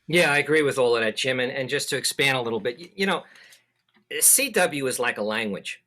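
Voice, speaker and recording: A man giving a quick, animated presentation as a club instructor. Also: medium pitch. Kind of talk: presentation talk.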